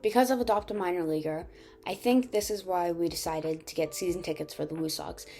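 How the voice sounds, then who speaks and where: A woman's voice: lowish voice, a little fast, a little mellow, faint music behind. A young woman reading an earnest scripted narration and asking interview questions. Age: young adult. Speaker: student video host and interviewer.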